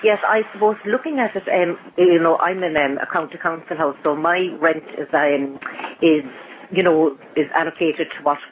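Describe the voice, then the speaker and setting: A man's voice: fairly high pitch, normal speed. A man with an Irish accent giving a tentative personal account as a caller on a radio phone-in. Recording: noisy, tinny phone line.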